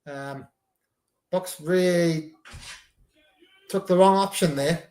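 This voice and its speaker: A man's voice: high-pitched, slow, warm tone, reverberant. A man hosting a live stream, giving casual running commentary on a match and reacting to each play.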